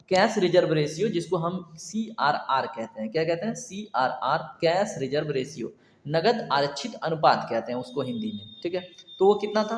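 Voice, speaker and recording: A man with a high voice teaches an exam prep lecture, quizzing repetitively by firing off questions and answering each one himself while repeating key points. His voice rings through a roomy hall with a long echo.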